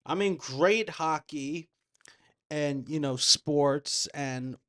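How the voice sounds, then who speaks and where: A man's voice: a little high, a bit bright. A man who works in real estate, chatting as a podcast guest in a playful, rambling way. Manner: playful, quick-witted, rambling. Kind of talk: casual chat.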